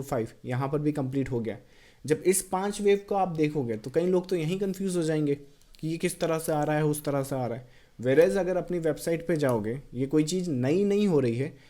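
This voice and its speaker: A man walks through a trading chart, mixing Hindi and English as he counts out the waves. His voice sits a little high but sounds warm and mellow. He gets blunt with the people who doubt his method. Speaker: trading educator. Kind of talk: chart walkthrough lesson.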